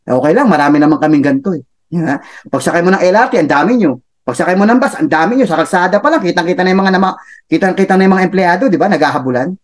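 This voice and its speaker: A man's voice: high-pitched, animated, rapid-fire. A man giving a chatty motivational talk, laughing often and tossing in tag questions. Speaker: motivational speaker for a business club.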